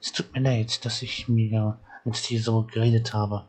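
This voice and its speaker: A man's voice: on the low side, little pitch movement, a little slow, a little mellow, slightly rough. A man reading a stubborn, cheeky young girl's lines aloud from a game. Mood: earnest. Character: stubborn young island girl, bold and cheeky.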